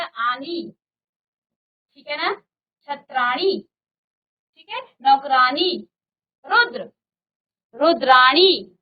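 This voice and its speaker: Slow, patient, high-voiced woman teacher. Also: muffled recording. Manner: slow, patient, repeats word pairs and asks rhetorical questions. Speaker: Hindi teacher. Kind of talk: virtual classroom grammar lesson. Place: studio.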